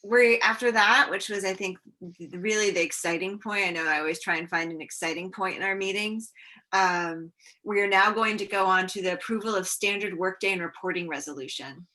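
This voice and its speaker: Woman chairing a board meeting, brisk, upbeat, bright tone, heard over a video call. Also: medium pitch.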